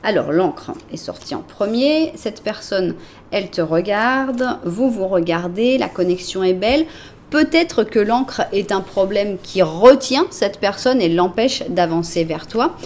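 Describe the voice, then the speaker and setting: A woman's voice: medium pitch, lively intonation, a little slow, darkish tone. A woman from France, in her forties, doing a chatty, reassuring tarot card reading and narrating each card as she draws it. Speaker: tarot reader.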